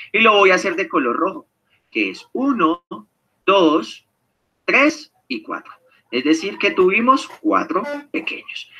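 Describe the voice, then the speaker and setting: A man runs a seminar in a bright, forceful voice that sits high for a man. He swings his pitch around a lot and keeps firing questions at his audience. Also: breathy edge. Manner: lively, animated, engages the audience with questions. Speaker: seminar leader. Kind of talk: online seminar teaching.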